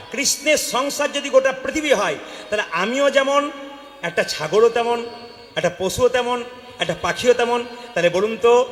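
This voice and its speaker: A man with a Bengali accent giving a devotional sermon, questioning the audience and asking them to answer loudly. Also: extremely high pitch. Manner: questions the crowd and calls for loud replies. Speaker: kirtan preacher. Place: hall with an audience. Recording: echoey hall with long reverb.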